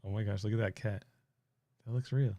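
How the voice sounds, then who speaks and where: A man co-hosting a casual movie podcast, upbeat and chatty, quick to laugh. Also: fairly low pitch, fairly even intonation, mellow, no room sound. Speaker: podcast co-host. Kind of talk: casual chat.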